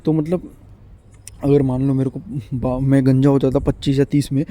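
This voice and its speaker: A man's voice: mid-range voice, level tone, moderate pace, warm tone, a little hiss or hum. A man in his twenties giving an earnest, repetitive motivational monologue to the camera, switching between Hindi and English. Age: 20s. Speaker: vlogger.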